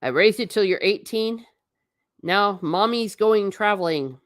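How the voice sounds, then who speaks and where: This middle-aged woman has a medium-pitched voice and a measured pace, recorded at studio quality with no room sound. She's chatting casually on a stream about her travel photos, rambling and putting herself down.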